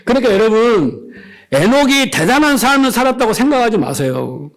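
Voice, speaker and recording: A man's voice: very high voice, very animated, moderate pace. A middle-aged male pastor preaching a sermon, emphatic, often asking the congregation questions and acting out little dialogues.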